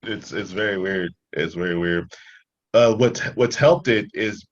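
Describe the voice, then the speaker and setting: A man's voice: low-pitched, unhurried. A male cast member on a video call, blunt and repetitive in a casual panel, with dull lo-fi audio.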